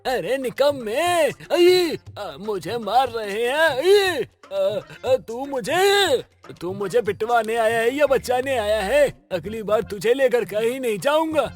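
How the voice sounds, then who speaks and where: Blustering cartoon thug, very high. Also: male voice, moderate pace, hardly any pauses, soft background music. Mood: whining. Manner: blustering threats turning to whiny pleading. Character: bumbling middle-aged male thug, bullying but cowardly. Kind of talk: cartoon voice acting.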